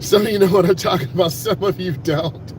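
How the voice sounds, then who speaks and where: A man's voice: high-pitched, brisk. A middle-aged American man talking casually as a driving instructor, with streetwise, emphatic, slangy storytelling. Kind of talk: casual chatty talk during a driving lesson. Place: inside a moving car. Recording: loud car and road noise.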